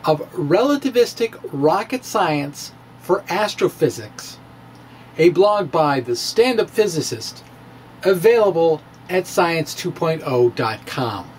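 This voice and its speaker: Reading his popular science blog aloud with theatrical flair, a male science blogger speaks slowly in a swooping, sing-song voice on the high side, drawing out emphasis and pausing. He's close to a handheld-style microphone on a stand in a small room with bookshelves. The recording is rough, with slight background noise.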